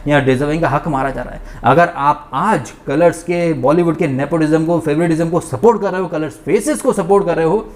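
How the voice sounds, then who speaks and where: A man's voice: a little high, fairly quick, few pauses. A man giving an indignant, ranting commentary monologue as a vlogger reviewing a show. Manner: indignant, ranting, mocking impressions.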